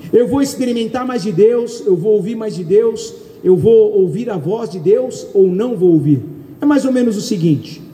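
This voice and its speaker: A man preaching a sermon in Brazilian Portuguese, speaking loudly and firing questions at the congregation. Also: very high voice. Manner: loud, calls out questions to the congregation. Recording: echoey hall, long reverb.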